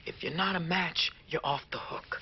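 A man's voice: a little high, normal speed, in a whisper, natural voice. An actor playing a brother who urgently pleads with his sibling to help their mother. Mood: pleading. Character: pleading brother urging a family duty. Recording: dull lo-fi TV audio with noise.

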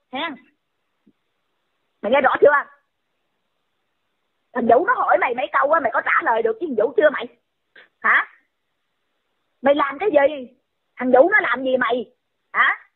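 A woman's voice: high-pitched, breathy edge. A woman, scolding someone in a heated rant and firing off repeated insulting questions. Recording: tinny phone-line audio.

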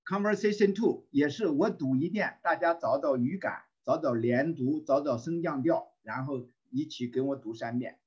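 A man leads an online English class with a husky, fairly high voice. He reads each line with patience, repeats it, and clears his throat often. The sound is muffled, as over a video call. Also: normal speed, a little mellow. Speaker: volunteer English teacher.

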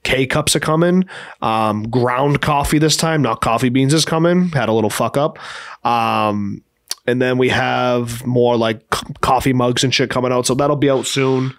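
A young Boston man with a Boston accent reads fan questions and answers them in a relaxed, slangy way, dropping casual swears. His voice sits at an ordinary pitch, recorded close and dry with no room echo. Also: a little slow. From Boston area. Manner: laid-back, swears casually, says "bro". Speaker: podcast co-host.

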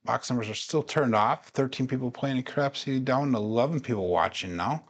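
Male vlogger, gravelly voice, tired, chatty self-coaching commentary. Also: mid-range voice, fairly quick. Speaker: craps practice streamer. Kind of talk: casual solo commentary while practicing.

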